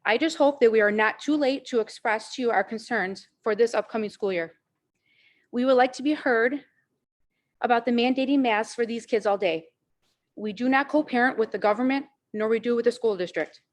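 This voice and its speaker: A woman with a fairly high voice reads a prepared statement at a school board meeting. She is firm and insistent, pressing each point as a parent during public comment. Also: moderate pace.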